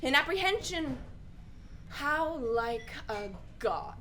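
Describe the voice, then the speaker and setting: A woman with a high, exaggerated voice that swings widely in pitch plays a restless young prince feigning madness, in theatrical Shakespearean radio-drama style. She speaks slowly over background noise, melancholy and brooding, her overdone delivery punctuated by giggles.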